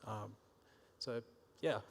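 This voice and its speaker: A man moderating a conference session, introducing the speaker in a hesitant, halting way. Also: on the low side, vocal fry, very noisy. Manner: hesitant, halting with fillers and restarts. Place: conference hall. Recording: hall reverb, conference room.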